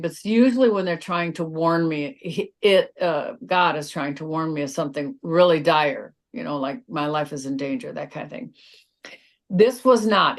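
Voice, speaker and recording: A woman, a guest author, earnestly recounting a personal spiritual experience, halting and restarting as she searches for words. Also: fairly low pitch.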